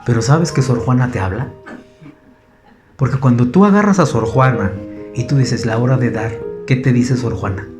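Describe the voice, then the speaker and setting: A man with a Mexican accent preaching a sermon, animated and addressing the congregation as brothers. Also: mid-range voice, normal speed, long pauses. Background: guitar music.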